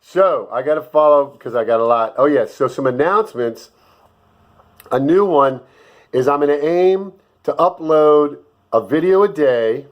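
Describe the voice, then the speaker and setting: A man's voice: a little high, a little slow, dull audio. A man with a cold, hosting his own vlog in a rambling, jokey casual chat. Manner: rambling and jokey, with many fillers. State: sick, voice lower than usual. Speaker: vlog host.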